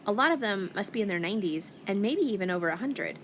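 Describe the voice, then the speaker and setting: A woman reading a first-person audiobook in a wry, expressive teenage-girl voice. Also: mid-range voice, quick pace, a little hiss or hum. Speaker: audiobook narrator.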